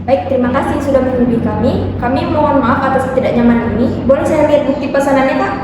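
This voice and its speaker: Young woman acting a courteous, high-voiced customer service officer, echoey room. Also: quick pace, close to an everyday voice. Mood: polite, helpful. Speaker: student acting in a class presentation. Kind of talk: amateur business role-play. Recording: very echoey room, distant mic, noisy.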